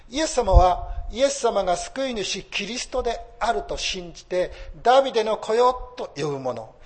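A man preaching a sermon as pastor, rising in emphasis on key phrases. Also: a little high.

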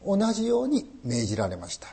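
A man's voice: mid-range voice, wildly swooping pitch, fast talker, creaky, mellow. A man preaching a sermon as pastor, emphatic and full of rhetorical questions.

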